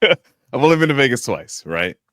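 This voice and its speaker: A man's voice: mid-range voice, big pitch swings, normal speed, a bit bright, no echo. A man co-hosting a podcast, telling a story in casual chat and laughing now and then. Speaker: podcast co-host.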